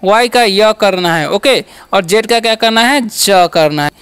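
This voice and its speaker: Man, very high voice, smooth resonant tone, teacher drilling pronunciation, asks and answers own questions. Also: animated, a little slow, a bit bright. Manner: frequent "ठीक है" and "okay" check-ins. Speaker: English teacher. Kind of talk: classroom-style lesson.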